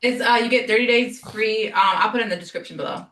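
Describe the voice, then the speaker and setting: A woman's voice: on the high side, fast talker, a bit bright, far from the mic. A woman hosting an interview, reacting with enthusiasm and asking her guest short questions. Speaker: interviewer, host. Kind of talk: casual interview chat. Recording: roomy, off-mic.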